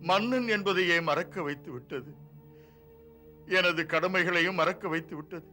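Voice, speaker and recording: Grieving king: bright, measured, formal lament over score. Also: high-pitched. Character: anguished king, grieving for his people and daughter. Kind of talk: dubbed mythological TV drama. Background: music.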